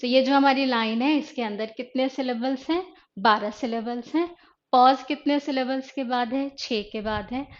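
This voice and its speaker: A woman's voice: high voice, steady tone. A woman English teacher giving an online exam-prep lecture. She mixes Hindi and English and explains by asking questions and then answering them herself. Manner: reads poetry slowly and deliberately. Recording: dull lo-fi online class audio.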